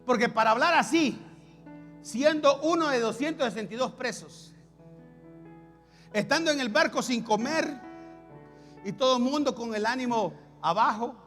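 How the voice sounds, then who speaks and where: A man preaching a sermon as pastor, repeating phrases and swinging between loud calls and hushed lines. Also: extremely high pitch.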